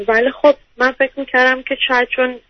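Woman, radio caller, fairly high voice, hesitant and stammering, dry dull phone-line sound. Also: little pitch movement, no room sound. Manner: hesitant, stammering, explaining at length. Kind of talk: call-in counseling chat.

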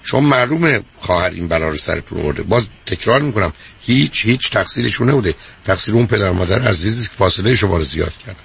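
Man, deep gravelly voice, rough and husky, blunt lecturing radio host. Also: lively intonation, few pauses, fairly bright tone. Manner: blunt, lecturing, repeats himself. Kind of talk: call-in counseling.

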